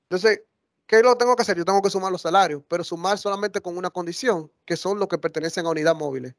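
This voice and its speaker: A high-voiced man walks a class through a live software demo. His delivery is chatty and he often stops to correct himself mid-sentence. The sound is dry and close, with little room tone. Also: fast talker, no echo. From Dominican Republic. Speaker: workshop instructor. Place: classroom or lecture hall.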